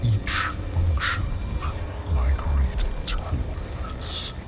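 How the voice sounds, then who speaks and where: An actor playing a cold, menacing rogue AI that speaks in slow, clipped machine phrases. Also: male voice, a bass voice, lively intonation, heavily acted. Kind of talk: video game cutscene dialogue. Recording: game audio with loud music behind.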